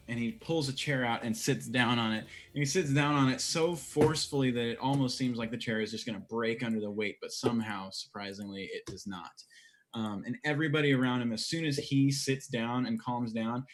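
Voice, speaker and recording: A man narrating a tabletop game as game master, describing the action in a measured storytelling manner. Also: medium pitch.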